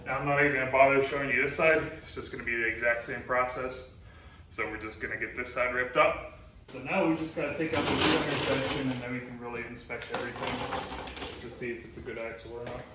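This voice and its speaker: A man's voice: mid-range voice, fast talker, reverberant, noisy background. A man talking casually as he takes apart a truck axle in a garage workshop, explaining each step as he goes. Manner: relaxed, explains steps as he works. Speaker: co-host working on a truck axle. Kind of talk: casual shop talk.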